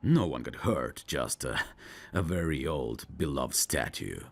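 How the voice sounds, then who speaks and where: In a scripted audio drama, a man plays a gruff veteran police detective mentoring a rookie, his extremely low voice full of gravel. He drawls slowly and sardonically like a tough, world-weary cynic, dry and matter-of-fact, yet the husky delivery is animated, heavily acted, and rises and falls expressively.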